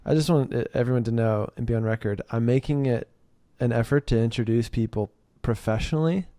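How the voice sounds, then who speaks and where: A man hosts a podcast in a relaxed back-and-forth, joking and laughing often. His voice sits mid-range for a man, and the sound is dry and close. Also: mid-range voice, a little fast, no room sound. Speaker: podcast host. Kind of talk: casual chat.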